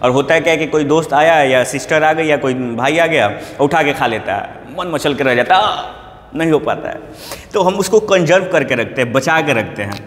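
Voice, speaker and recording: A man's voice: fairly high pitch, lively intonation, moderate pace, fairly bright tone. Man teaching in an echoey room. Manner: patient, repeats each example word several times. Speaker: English teacher. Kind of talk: Hindi-language pronunciation lesson. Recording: echoey room with long reverb, faint background noise.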